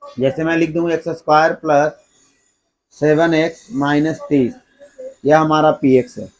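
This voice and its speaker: Male teacher, slightly high voice, call-and-response classroom style. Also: steady tone, unhurried, rough recording. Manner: keeps quizzing the class, then answering himself. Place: classroom with students.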